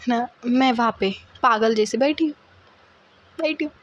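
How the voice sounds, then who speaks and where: A young woman in her twenties telling a storytime vlog story in a lively, dramatic way. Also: a little high, normal speed, lo-fi sound. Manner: animated, dramatic, acts out others' lines. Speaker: vlogger. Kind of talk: casual storytime.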